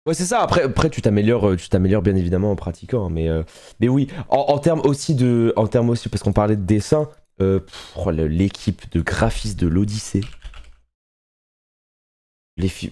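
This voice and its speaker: A man streaming live, chatting casually and excitably with his viewers, laughing often and swearing casually. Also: on the low side, moderate pace.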